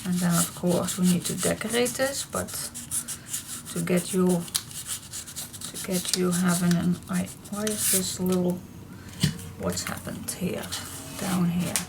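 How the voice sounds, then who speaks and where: Working through a papercraft project, a woman with a low, slightly hoarse and froggy voice chats loosely and half to herself in this casual tutorial, moving at a slow, relaxed pace. A steady hiss sits clearly beneath the recording.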